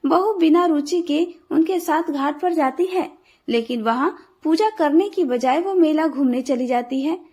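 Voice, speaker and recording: A woman tells a devotional folk tale as a scripted narration. Her voice is high, and her delivery is steady and earnest from start to finish. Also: a little slow. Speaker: storyteller, channel host.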